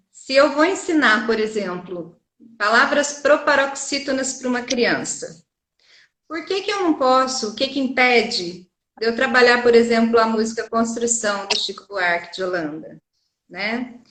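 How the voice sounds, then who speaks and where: A woman teacher speaks with a Brazilian Portuguese accent, slightly higher-pitched than most. She explains earnestly, piling up examples and tag questions. The room around her rings with echo. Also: moderate pace, fairly bright tone. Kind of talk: interview conversation. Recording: echoey room.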